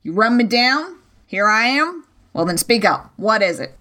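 A woman reading an audiobook and voicing a blustering old male sea captain who shouts oaths. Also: on the high side, sing-song, measured pace, exaggerated voice. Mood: gruff. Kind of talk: audiobook character voice.

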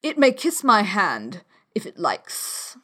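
A woman voicing a fussy, pompous king who speaks slowly and decidedly. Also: medium pitch, huge pitch swings, pushed and bright, exaggerated voice.

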